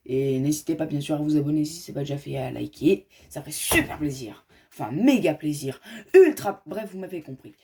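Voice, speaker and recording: A man's voice: on the high side, lively intonation, a little fast, vocal fry, a little mellow. A man giving casual game commentary as a gaming youtuber, chatty and rambling, talking straight to his viewers.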